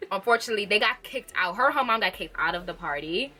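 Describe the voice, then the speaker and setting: Bright-voiced chatty young woman vlogger. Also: mid-range voice. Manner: animated, chatty, quick bursts with squeals and laughs. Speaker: vlogger reviewing a TV movie. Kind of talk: casual chat.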